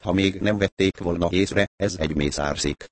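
Egy férfi által megszólaltatott rémült, ideges férfi. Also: male voice, sits low, no echo, close to an everyday voice. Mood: frightened. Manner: shaken, blunt. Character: frightened, nervous man.

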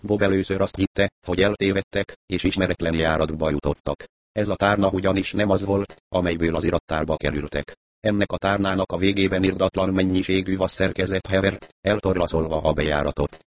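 A man reading an audiobook in a steady, measured narration on a close mic. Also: sits low, dry recording.

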